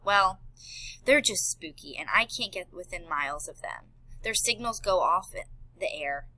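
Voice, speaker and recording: A woman's voice: fairly low pitch, lively intonation, normal speed, pushed and bright, no room sound, voice pushed down, rough recording. A woman voicing an earnest male elephant scientist and worried father in an audiobook. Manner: earnest, pleading.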